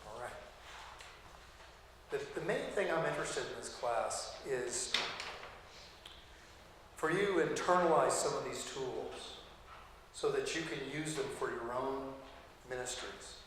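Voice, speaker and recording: A middle-aged man teaching a Bible college class, talking casually and pausing often to check in with his students. His voice rings through a very echoey room with a long reverb tail. A faint hum sits underneath. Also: medium pitch. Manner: conversational, frequent "okay?" check-ins. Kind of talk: classroom lecture.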